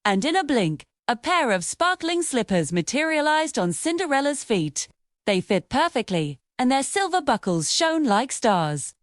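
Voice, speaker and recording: A woman storyteller tells a children's fairy tale in an expressive, sing-song way, her slightly high pitch swooping widely. She keeps a measured pace, and the recording is close and dry.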